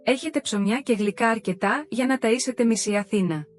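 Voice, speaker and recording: A woman's voice: fairly high pitch, soft background music, close to an everyday voice. A woman voicing a smug, freeloading sister-in-law who brushes off the complaints in a breezy, dismissive way.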